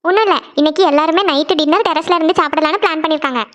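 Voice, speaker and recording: Woman voicing a playful chatterbox girl, squeaky high and fast, cartoon. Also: fairly bright tone, muffled recording. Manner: teasing, giggly. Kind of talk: cartoon voice acting.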